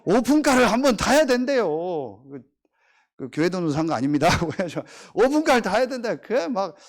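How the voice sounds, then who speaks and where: A middle-aged pastor preaching with a lively, wide-ranging voice that sits a bit high for a man. He stretches out key phrases for emphasis, then drops into relaxed, joking family stories. His delivery is animated and emphatic throughout. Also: normal speed. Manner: chatty, joking asides about family. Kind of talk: sermon.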